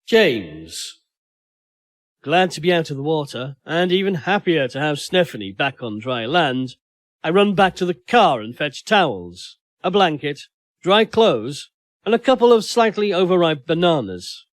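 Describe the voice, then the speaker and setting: Recorded in a clean studio with no room sound, a man with a fairly high voice narrates a literary short story as an audiobook. His storytelling is measured and expressive.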